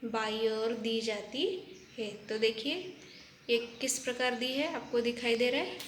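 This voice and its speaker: A woman's voice: a little high, steady tone, unhurried, background noise. A woman teacher giving a children's lesson, patient and repetitive, checking in with the class often. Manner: patient, repeats each point, checks in with "ok".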